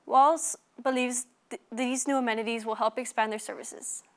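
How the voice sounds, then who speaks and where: A woman's voice: a little high, fairly even intonation, normal speed, a bit bright. A young woman delivering a scripted news report as a student reporter, stumbling now and then over the copy. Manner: stumbles and repeats words while reading.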